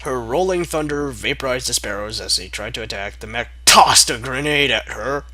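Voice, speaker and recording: A man reads a fan story aloud for comedic effect, cutting in with mocking asides and bursts of laughter. His voice is medium-pitched and sharp, at normal speed, with no echo.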